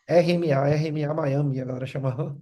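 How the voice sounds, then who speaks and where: A man's voice: a little high, fairly even intonation, fairly quick, mellow. A middle-aged man with a Bahian Portuguese accent, mixed with São Paulo speech, telling his story in a casual group chat. He rambles and tags nearly every phrase with "né?". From Brazil, born in Rio, raised in Salvador.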